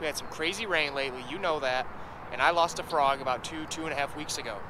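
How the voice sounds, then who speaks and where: A man with a slightly high voice talks to viewers while bank fishing, eager and chatty. He records on an action camera by a pond, with outdoor noise clearly heard behind him. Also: fast talker. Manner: excitable, hypes up catches to viewers. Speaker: fishing vlogger. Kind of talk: casual outdoor vlog. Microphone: action camera, selfie framing.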